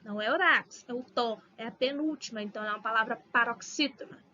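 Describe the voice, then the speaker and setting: A Brazilian woman teacher giving a recorded online lesson, slowly drawing out syllables and repeating example words. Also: fairly high pitch, bright, forceful tone, highs cut off, slight background noise. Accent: Brazilian Portuguese.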